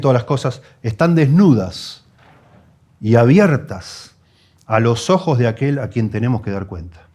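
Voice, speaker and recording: A man with a Rioplatense Spanish accent preaching an expository sermon, teaching his congregation with rhetorical questions and emphatic repetition, often dropping to quiet asides. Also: fairly low pitch. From Argentina.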